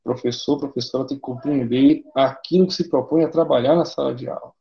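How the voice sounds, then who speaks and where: A man with a Bahian accent giving a teacher-training lecture, lively and colloquial, often tagging his sentences with a questioning aside. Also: mid-range voice, fairly quick, creaky, highs cut off. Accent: Bahian Portuguese.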